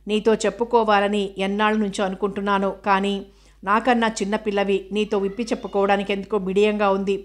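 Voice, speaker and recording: A woman narrator gives voice to a composed, measured aunt in a spoken novel. The delivery is level and flat, barely moving in pitch. The pitch sits in the middle. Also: natural voice. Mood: calm.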